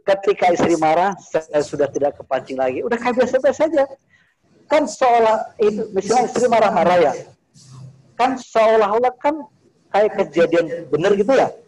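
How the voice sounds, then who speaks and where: A man's voice: high-pitched, animated, normal speed, darkish tone, low-quality recording. A man giving an informal religious talk, chatty, often asking his listeners questions. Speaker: religious teacher.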